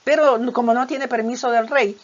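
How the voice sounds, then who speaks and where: Una mujer que predica un sermón, con voz ronca, leyendo pasajes bíblicos con expresividad y muletillas entre ideas. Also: female voice, fairly high pitch, moderate pace. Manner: expressive Bible reading with dramatic voiced quotes; hesitant fillers between points. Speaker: preacher. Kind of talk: sermon. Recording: dull lo-fi recording.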